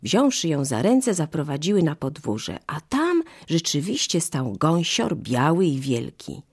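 Low husky woman reading a fairy tale. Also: no room sound, clean studio sound. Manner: slow, expressive storytelling. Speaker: storyteller. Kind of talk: fairy tale read aloud.

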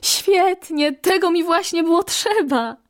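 A woman voicing a brave little parrot, hoarse and coughing from smoke, in a storybook reading. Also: sits high, steady tone, measured pace, pitched above the performer's own voice. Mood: joyful. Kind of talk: storybook narration.

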